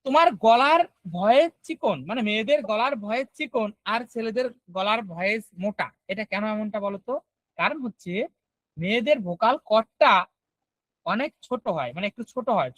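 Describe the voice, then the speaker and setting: A man's voice: very high-pitched, a bit bright, no echo, low-quality recording. A man teaching an online class, explaining step by step and often checking whether students follow.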